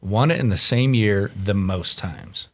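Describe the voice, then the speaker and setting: A man with a low voice co-hosts a casual podcast. He moves through a trivia question and giveaway plug in a relaxed, breezy way. He chats easily with his co-hosts. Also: measured pace. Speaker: podcast co-host. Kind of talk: casual chat with promo reads.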